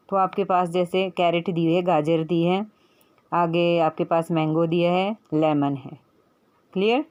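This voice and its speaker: A woman's voice: lowish voice, darkish tone. Patient woman teaching a children's Hindi lesson. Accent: Punjabi-influenced Hindi. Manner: patient, asks and answers her own questions, calls the child "beta".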